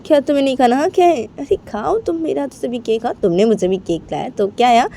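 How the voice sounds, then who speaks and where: An affectionate young woman coaxes and pleads, as a woman narrator puts her on, her voice pitched well above the narration. The tone stays mellow and soft-edged, with faint traffic noise behind. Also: quick pace, vocal fry. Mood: coaxing. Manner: coaxing, pleading, higher pitch.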